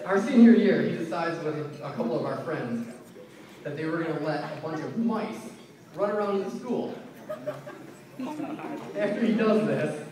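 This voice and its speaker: A young man giving a best man's wedding toast, telling informal, joking anecdotes with pauses. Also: on the high side. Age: young adult. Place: large reverberant room at a wedding reception. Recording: echoey noisy room, distant mic.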